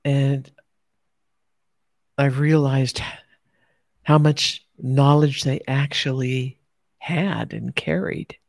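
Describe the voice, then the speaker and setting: Brief: low gravelly woman, unhurried heartfelt recollection, dry close sound. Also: fairly even intonation, darkish tone, dry recording. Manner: slow, heartfelt, repeating phrases. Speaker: teacher sharing her experience. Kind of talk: reflective podcast talk.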